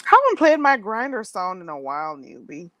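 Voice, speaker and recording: A woman's voice: medium pitch, huge pitch swings, normal speed, a bit bright, dry recording. A woman hosting a casual live stream chat, telling stories at length and laughing often, with a stuffy nose. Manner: chatty storytelling, laughs often.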